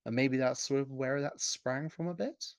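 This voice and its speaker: A man co-hosting a podcast, speaking in a measured way and often searching for the right words. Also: mid-range voice, dry recording. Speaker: podcast co-host. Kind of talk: casual podcast discussion.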